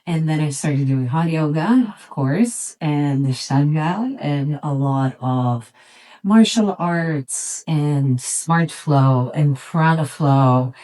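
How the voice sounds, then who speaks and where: Low-voiced woman from Serbia, thoughtful. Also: warm tone, rough recording. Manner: thoughtful, reflective, with frequent pauses and restarts. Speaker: yoga teacher and studio owner, guest. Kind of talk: relaxed conversational interview.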